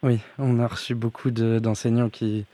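A man's voice: mid-range voice, little pitch movement, moderate pace, dark tone, no room sound. A man interviewing a radio guest and politely thanking him. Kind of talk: interview wrap-up.

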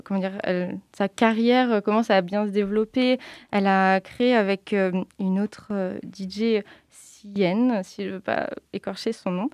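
A woman's voice: mid-range voice, darkish tone, smooth, no room sound, clean studio sound. A woman talking as a radio guest in a casual interview, hesitant and full of fillers.

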